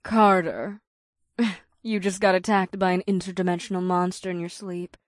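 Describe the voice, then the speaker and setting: A man voicing an affectionate, gently teasing succubus woman in a spoken story, lifting his voice high and soft. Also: flat delivery, moderate pace, no room sound, studio quality, lightly acted.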